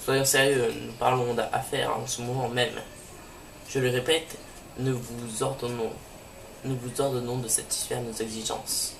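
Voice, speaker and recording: A threatening villain grunt hisses low, half-whispered demands, as a man puts him on while playing a game. The sound is roomy and far from the mic, with a faint hiss. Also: little pitch movement, unhurried, gravelly. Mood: menacing.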